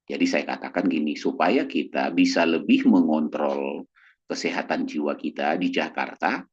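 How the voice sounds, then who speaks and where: A doctor giving a casual church talk on mental health, animated and fond of acting out the voices of the people he describes. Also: moderate pace, lo-fi sound. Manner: animated, acts out quoted voices in a raised pitch. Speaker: doctor guest speaker.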